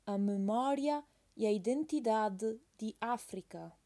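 Woman teacher, dictation pace, each phrase said twice with punctuation spoken; unhurried, warm tone. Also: fairly high pitch. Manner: repeats each phrase slowly, calling out punctuation. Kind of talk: slow dictation with punctuation read aloud.

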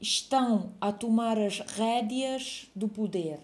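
A woman's voice: fairly high pitch, slow pace. A woman reading a dictation, saying each phrase twice and calling out the punctuation. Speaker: dictation teacher.

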